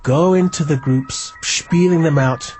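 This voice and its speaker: A man's voice: on the high side, unhurried, music in the background. A man in a documentary interview, telling stories with enthusiasm. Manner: enthusiastic storytelling. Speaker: collector and interviewee.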